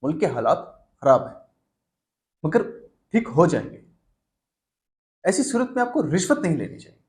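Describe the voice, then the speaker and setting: A man hosting a mock interview in a comedy sketch, speaking in a measured, formal way that turns stern when he scolds his guest. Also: fairly high pitch, sing-song. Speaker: host.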